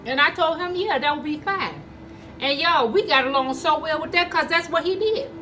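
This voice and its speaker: A woman's voice: high-pitched, moderate pace, sharp tone, a little hiss or hum. A woman telling stories casually to her viewers in a conversational way while eating, acting out bits of dialogue. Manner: conversational, addresses viewers as y'all, acts out dialogue. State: eating, chewing between phrases. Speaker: mukbang vlogger.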